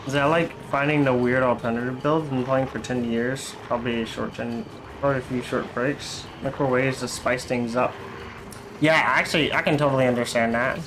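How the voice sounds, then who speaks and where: A man's voice: medium pitch, fairly even intonation, normal speed, background noise. A young man livestreaming gameplay, rambling casually, correcting himself mid-sentence and swearing now and then. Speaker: livestreamer playing a video game.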